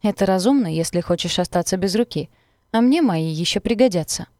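A woman reading the part of an agitated young man who is frightened of a big dog, voicing him loudly in a story. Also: mid-range voice, expressive, a little fast, no room sound, studio quality, close to an everyday voice. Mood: skeptical. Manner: loud, shouting.

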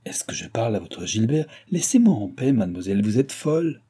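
A man's voice: mid-range voice, big pitch swings, fairly quick, dark tone, husky. A man voicing a proud, disdainful young noblewoman in an audiobook reading. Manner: imperious, disdainful. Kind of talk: audiobook character voice.

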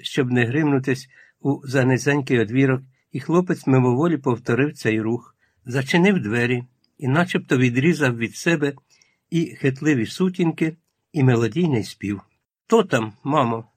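Husky-voiced man reading a novel. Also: mid-range voice, no echo, studio quality. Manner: calm, measured storytelling. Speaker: audiobook narrator. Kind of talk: literary audiobook reading.

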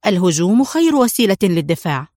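A woman voicing a cool male secret-agent hero in a spy audiobook, speaking calmly with dry mockery. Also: medium pitch, fast talker, no echo, natural voice. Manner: calm, dryly mocking.

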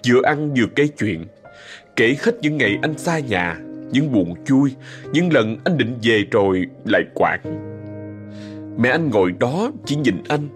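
A man narrating a scripted story in a soft, expressive way. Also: mid-range voice, measured pace. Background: faint music.

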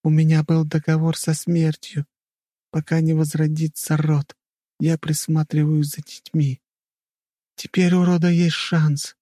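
A man's voice: on the high side, dry recording, studio quality, pitched above the performer's own voice. Man voicing a solemn ghost matriarch. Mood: emotionless. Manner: flat, emotionless, like a recording; slow, measured, lofty pronouncements. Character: ancient female ghost, solemn clan matriarch. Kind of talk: audiobook character voice.

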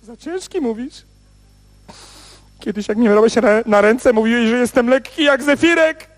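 A man's voice: very high voice, moderate pace. A man voicing a jealous, clingy male cigarette who acts like a spurned lover, melodramatic and pleading, in a radio comedy sketch.

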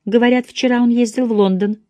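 A woman's voice: on the high side, fairly even intonation, brisk, warm tone, no echo, pitched above the performer's own voice, lightly acted. Woman putting on a fussy clucking old companion. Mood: gossiping. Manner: cooing, patronizing, clucking. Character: fussy chattering elderly female companion. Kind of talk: audiobook reading.

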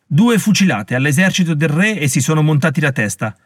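A man's voice: on the high side, big pitch swings, fairly quick, fairly bright tone, no room sound, clean studio sound, voice pushed up. A man voicing a stern, haughty colonial official who lectures and threatens with scorn in an audiobook reading.

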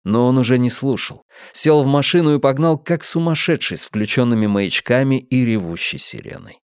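A man reading an audiobook in a measured, steady narration. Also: medium pitch, clear, resonant tone, no room sound. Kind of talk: scripted narration. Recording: dry close studio sound.

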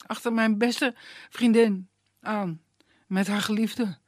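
A man's voice: high voice, fairly even intonation, takes it slowly, dry recording, clean studio sound, voice pushed up. A storyteller voicing a lovesick young woman who pleads anxiously for directions in a puppet tale. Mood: pleading.

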